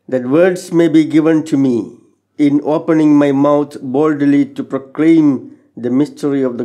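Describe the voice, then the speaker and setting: A middle-aged man reading scripture and psalms solemnly as a lector, in a measured, formal way. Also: medium pitch, dark tone. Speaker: lector at Mass. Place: small chapel, indoors. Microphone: gooseneck lectern microphone.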